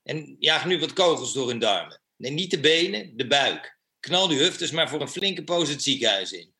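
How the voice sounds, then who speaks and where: A man's voice: on the high side, very animated, moderate pace, pushed and bright, exaggerated voice. An actor playing a crude, brutal male riot police officer who barks vulgar orders. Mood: commanding. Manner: barking, vulgar.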